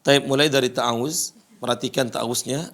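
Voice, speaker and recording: A man leads a recitation lesson at an unhurried pace. He talks his students through each sound with steady patience, then chants the verses slowly and draws the long vowels out. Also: mid-range voice. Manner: slow, patient teaching with drawn-out recited verses. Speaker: Quran recitation teacher.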